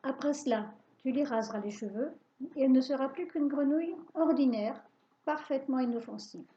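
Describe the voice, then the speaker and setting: A woman voicing a calm, wise shopkeeper man who gives patient instructions in a hushed voice, on a dull lo-fi recording. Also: high voice, a little fast, natural voice. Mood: instructing.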